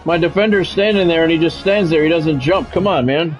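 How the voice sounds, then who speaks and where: Faint music plays behind this man as he streams a sports video game, alternating broadcaster-style calls with offhand remarks to his audience. He speaks fairly quickly in a slightly high voice.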